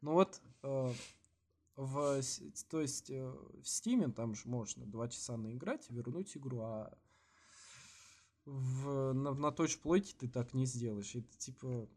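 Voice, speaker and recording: A man co-hosting a podcast in casual, slangy chat with swearing, halting with many false starts and repeats. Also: mid-range voice, darkish tone. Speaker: podcast co-host.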